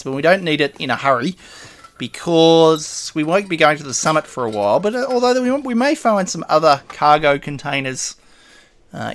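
A man's voice: a little high, fairly bright tone. A man giving casual, rambling commentary while playing a survival game, muttering item names and laughing to himself. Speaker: gaming video host.

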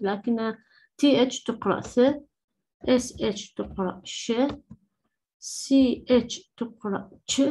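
Slow-spoken teacher, a husky-voiced woman. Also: mid-range voice, a little mellow, low-quality recording. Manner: switches between Arabic and English, slow deliberate spelling. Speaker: English teacher. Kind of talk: classroom lesson explaining phonics.

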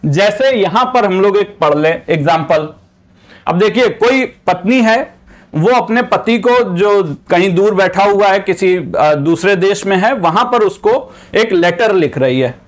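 A man with a fairly high voice delivers an exam-preparation lecture. He explains patiently, restating each point in several ways before moving on. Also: expressive, unhurried. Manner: explanatory, repeats and rephrases points. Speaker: teacher.

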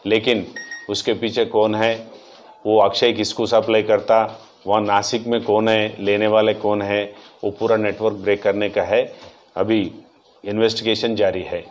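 A man's voice: on the low side, little pitch movement, measured pace, slight background noise. A man, a police officer giving a plain, matter-of-fact statement at a press meet. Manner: plain matter-of-fact recounting with loose grammar.

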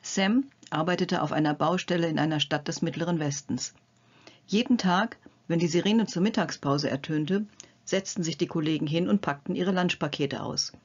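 An older woman, a psychotherapist and health coach, narrating a scripted lesson in a friendly, gently playful way, addressing the viewer directly. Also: deep voice, moderate pace, husky, lo-fi sound.

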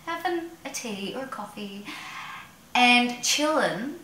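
An Australian woman co-hosting a casual chat, quick to agree and chiming in often. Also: on the high side, expressive, sharp tone. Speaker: co-host. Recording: echoey room.

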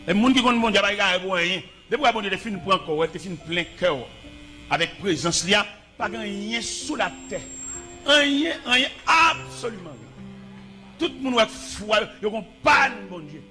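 A man preaches a sermon in a high, bright, ringing voice. His delivery is impassioned, rising into shouts and brief sung phrases. Faint music plays behind him. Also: animated, moderate pace.

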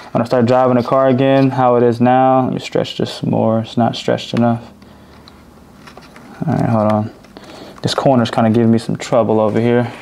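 A man's voice: mid-range voice, darkish tone, a little hiss or hum. A young man casually talking through a DIY car repair as he works, laid-back and swearing now and then. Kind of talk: casual hands-on narration.

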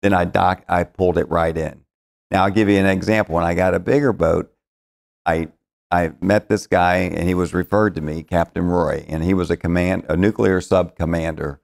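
A man's voice: sits low, fairly even intonation, moderate pace, vocal fry. A middle-aged man, a financial planner and the show's founder, telling a rambling story in a studio interview with many restarts. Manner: rambling, restarts, shouts out quoted lines.

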